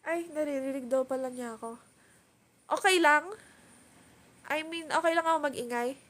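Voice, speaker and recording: A woman's voice: high voice, moderate pace, a bit bright. A woman with a Filipino accent hosting a casual live stream from home, giggling and chatting as she reads viewer comments into her phone. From Philippines. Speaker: livestream host.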